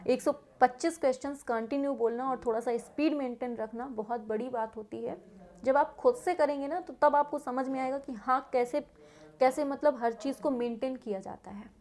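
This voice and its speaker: A young woman teacher running an exam quiz lesson, reading each question and its options in a steady rhythm. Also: high-pitched, moderate pace.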